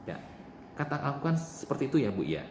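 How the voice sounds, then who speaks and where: A man's voice: medium pitch, very animated, normal speed, darkish tone. A man playing a nurse in a role-play demonstration, patiently repeating the patient's answers back to her. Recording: echoey room with faint noise.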